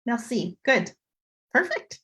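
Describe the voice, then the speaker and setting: A woman's voice: fairly high pitch, big pitch swings, slow pace, fairly bright tone, poor audio. Upbeat woman teaching over a video call. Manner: upbeat teacherly, frequent "okay?" check-ins. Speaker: French tutor. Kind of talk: live online class for parents.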